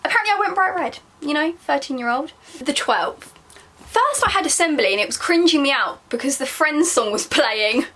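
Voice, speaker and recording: A woman's voice: high voice, lively intonation, normal speed, bright, forceful tone, slight background noise. A young woman with a southern English accent reads her diary aloud casually, embarrassed and self-mocking, breaking off for chatty asides. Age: young adult. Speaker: vlogger.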